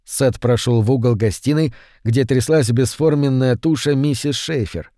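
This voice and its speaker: A man narrates a horror audiobook in a steady, measured way. His voice sits at a middle pitch. The recording is close and dry. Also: dry recording.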